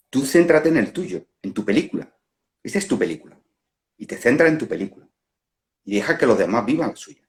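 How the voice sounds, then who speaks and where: Streaming live from a phone, a non-duality facilitator with a mid-range male voice and an accent from Spain leads a reflective spiritual talk. He takes his time, thinking aloud and laughing at his own examples.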